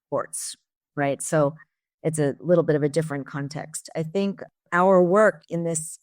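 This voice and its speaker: Low-voiced, candid middle-aged woman. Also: darkish tone, dry recording, clean studio sound. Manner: candid, reflective, restarts phrases, wry laughs. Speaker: former international prosecutor. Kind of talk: interview answers.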